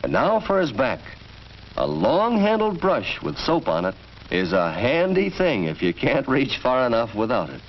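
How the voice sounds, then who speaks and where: Huge pitch swings mark this American man's medium-pitched narration of a 1940s educational film. He reads from a script at a moderate pace, instructive and storylike, over a dull vintage soundtrack with faint noise.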